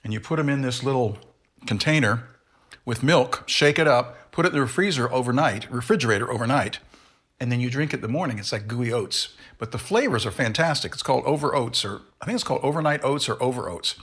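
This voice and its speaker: A man's voice: mid-range voice, lively intonation, a little fast, fairly bright tone, breathy edge. A middle-aged man hosting a casual solo candy review, rambling and correcting himself as he talks and chews. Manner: rambling, self-correcting, talks while chewing. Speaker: candy reviewer, show host.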